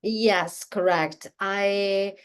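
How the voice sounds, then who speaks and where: A woman, speaking as an interview guest in a casual, halting way with many restarts and fillers. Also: mid-range voice, fairly even intonation, smooth. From Italy.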